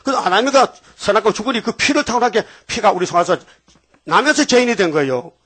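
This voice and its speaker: High-pitched guy preaching, folksy, jumps into story voices, keeps asking the crowd stuff. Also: fast, husky. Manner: animated storytelling preacher, acts out biblical voices; folksy, calls out to congregation. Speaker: pastor. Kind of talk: sermon.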